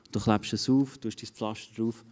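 A man's voice: on the low side, steady tone, normal speed, a little mellow. A man preaching a sermon, earnest and given to repeating his phrases. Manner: earnest, repeats phrases and restarts, acts out quoted inner voices.

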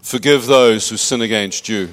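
A man telling his story in short, measured phrases, pausing between lines so they can be interpreted. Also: fairly low pitch, fairly bright tone. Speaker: guest speaker giving testimony. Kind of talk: emotional spoken testimony, paused for interpreter.

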